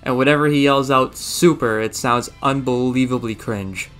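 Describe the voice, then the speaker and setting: A man's voice: mid-range voice, moderate pace, music in the background. Opinionated young man reviewing anime. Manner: opinionated, enthusiastic. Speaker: video reviewer. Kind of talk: scripted video essay.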